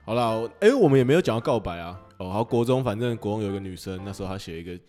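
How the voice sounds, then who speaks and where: A man's voice: fairly low pitch, lively intonation, very fast, dark tone, in a large hall, soft background music. A young man with a Taiwanese accent chatting casually and bluntly as a podcast co-host, with a teasing, informal manner. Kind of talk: casual chat.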